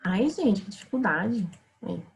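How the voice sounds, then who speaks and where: A woman's voice: medium pitch, animated, measured pace, creaky, low-quality recording. A woman with a Brazilian Portuguese accent teaching a casual online grammar lesson, chatting with her students.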